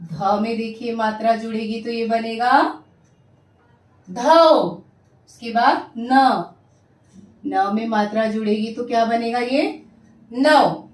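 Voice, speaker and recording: A woman teacher slowly sounding out syllables and words, loud and clear for pupils to repeat after her. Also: on the high side, fairly even intonation, distant mic. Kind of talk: Hindi vowel-sign lesson for children. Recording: echoey room, voice set back from the mic.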